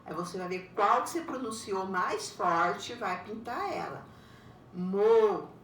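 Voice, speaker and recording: A woman's voice: mid-range voice, animated, moderate pace, bright, forceful tone. A woman teacher, giving a patient step-by-step lesson to young pupils and often checking with a tag question. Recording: roomy echo, far from the mic, faint background noise.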